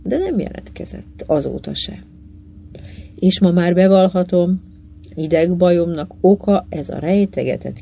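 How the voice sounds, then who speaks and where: A narrator reading a literary short story aloud in a measured, unhurried way. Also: medium pitch, vocal fry, warm tone, slight background noise.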